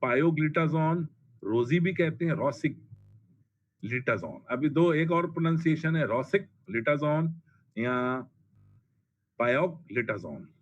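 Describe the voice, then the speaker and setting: A man's voice: on the high side, expressive, moderate pace. A man giving a pharmacology lecture, blunt and colloquial, repeating drug names for emphasis. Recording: dull lo-fi classroom recording, faint noise.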